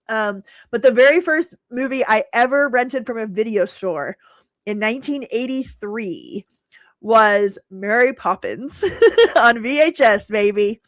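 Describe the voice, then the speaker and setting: A woman's voice: medium pitch, dry recording, clean studio sound. A middle-aged woman hosting a live stream, chatting casually, laughing often and answering viewers by name.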